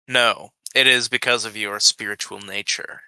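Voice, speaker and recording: A man's voice: lowish voice, steady tone, normal speed, pushed and bright, clear, resonant tone, dry recording, low-quality recording. A man narrating a tabletop game as its game master.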